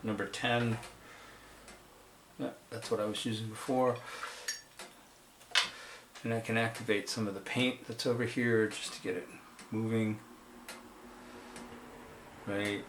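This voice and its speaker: Low-voiced man rambling through a painting demo. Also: little pitch movement, unhurried, long pauses, reverberant, noisy background. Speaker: watercolor painter demonstrating. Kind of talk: casual painting demo, thinking aloud.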